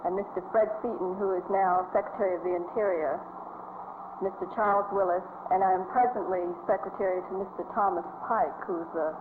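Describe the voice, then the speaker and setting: Low-fi, noisy recording of American woman. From Boston, United States. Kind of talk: formal interview answers. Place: office. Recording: noisy, tinny 1950s newsreel interview.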